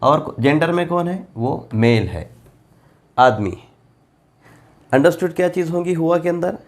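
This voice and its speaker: Slow, deliberate male Quran teacher. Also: on the high side, lively intonation. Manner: reads Arabic phrases then gives Urdu meanings, slow and deliberate; patient explaining, repeating drill forms. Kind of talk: classroom grammar lesson.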